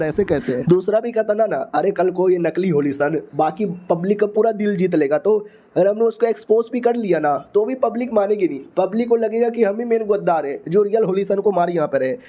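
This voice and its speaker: A high-pitched man recapping a comic story in a chatty, colloquial manner. His voice is mellow and dark-toned despite the height. He keeps an animated, offhand flow as he narrates. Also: fairly quick.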